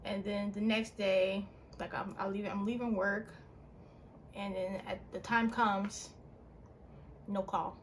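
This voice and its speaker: A young woman casually telling a personal story on her channel, her voice jumping up in pitch and full of "like" fillers. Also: takes it slowly, pauses often, slight background noise. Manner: animated, with big pitch jumps and frequent "like" fillers. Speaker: vlogger.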